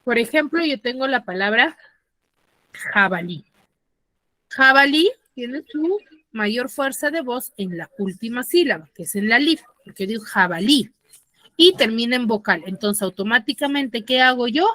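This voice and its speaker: A woman's voice: a little high, animated, normal speed, pushed and bright, no echo. A woman teaching an online class, explaining step by step and checking in with her students. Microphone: computer mic on a video call.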